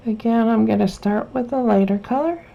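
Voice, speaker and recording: A woman's voice: fairly high pitch, moderate pace, creaky, lo-fi sound. A woman casually talking through a Bible journaling craft tutorial, chatty and rambling, with many fillers and restarts. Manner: chatty, rambling, self-correcting with frequent fillers.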